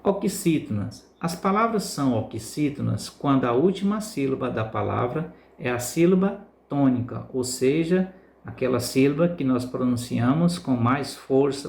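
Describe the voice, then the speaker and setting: A male Brazilian Portuguese teacher giving a recorded class lesson, repeating words slowly to stress their syllables. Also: mid-range voice, vocal fry, darkish tone, roomy sound. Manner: slow, drawn-out word repetition for emphasis.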